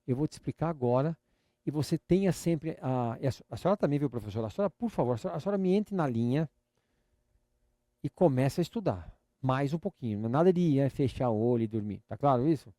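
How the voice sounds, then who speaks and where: A man's voice: medium pitch, expressive, quick pace, warm tone, no room sound, clean studio sound. An older man with a Brazilian Portuguese accent teaching a live online lesson. He drills words patiently through repetition and adds some playful teasing. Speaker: English teacher.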